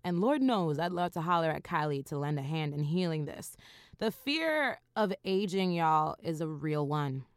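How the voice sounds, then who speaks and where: Woman, 30s, podcast host, low-ish voice that swings widely, swears and laughs freely, dry close mic. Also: animated, measured pace, clean tone, dry recording. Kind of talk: casual solo podcast monologue.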